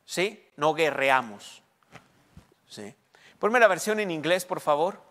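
A man preaching a sermon in a conversational way, often asking listeners if they understand and slowing down to stress key words. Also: fairly high pitch, animated, a bit bright. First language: Spanish. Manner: conversational preaching, frequent check-ins with listeners; emphatic, slows down on key words. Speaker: pastor.

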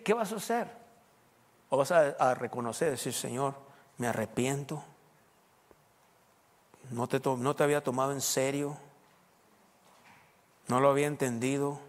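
A man preaching a sermon in a conversational way, asking his listeners question after question. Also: medium pitch. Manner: conversational preaching, rhetorical questions, occasional English phrases. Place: U.S. Southwest. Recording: long reverb in a hall.

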